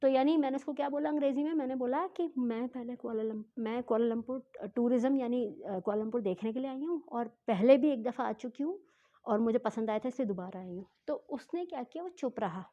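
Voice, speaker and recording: A woman telling a travel story in a casual vlog, chatty and often correcting herself, mixing in English phrases and speaking slowly on purpose. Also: on the high side, lo-fi sound. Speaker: travel vlogger.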